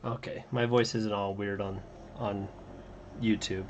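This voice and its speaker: Drawing comics on a casual livestream, a man speaks in a fairly low voice, chatting in a relaxed, halting way with inaudible co-hosts. There's a little background noise.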